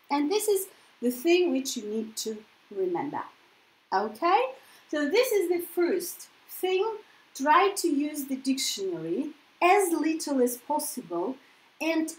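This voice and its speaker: In a chatty spoken English lesson, a Russian-born woman with a Russian accent speaks in a voice that sits high. She frequently checks in with tag questions such as "yeah?", and the audio is poor, with an echoey room.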